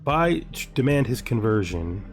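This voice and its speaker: Over quiet music, this man speaks in a mid-range voice with big swings in pitch and no hurry at all. As a gameplay host, he chats casually, asking himself questions while he weighs what to do next.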